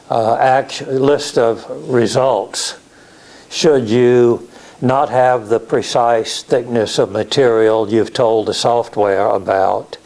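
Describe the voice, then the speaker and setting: A man giving a practical technical lecture as an instructor, explaining step by step in a halting way. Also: mid-range voice, darkish tone. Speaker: class instructor in CNC woodworking. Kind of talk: technical lecture with slides and software demo.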